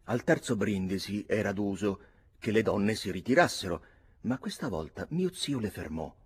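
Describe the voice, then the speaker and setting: A man narrating an audiobook in a theatrical, expressive way. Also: lowish voice, moderate pace. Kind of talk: dramatic audiobook reading.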